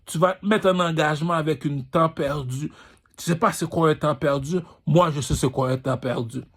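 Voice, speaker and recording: A man's voice: on the high side, moderate pace. Brash Quebec-accented man ranting. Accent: Quebec French. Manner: boastful, crude, swaggering street talk. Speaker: channel host. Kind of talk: ranting monologue.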